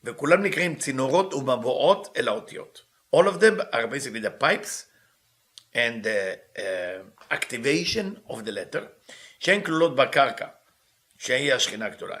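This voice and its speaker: Guy teaching kabbalah, bright voice, asks himself questions and answers. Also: medium pitch, animated. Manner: reads Hebrew quickly then explains in English. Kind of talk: teaching a text.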